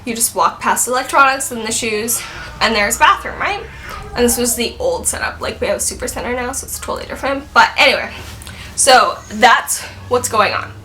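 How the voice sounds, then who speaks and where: A woman's voice: fairly high pitch, animated, brisk, pushed and bright, a little hiss or hum. A woman in her twenties telling a story in a casual vlog. She rambles and says "like" a lot. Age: 20s. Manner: chatty, rambling, heavy use of "like". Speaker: vlogger.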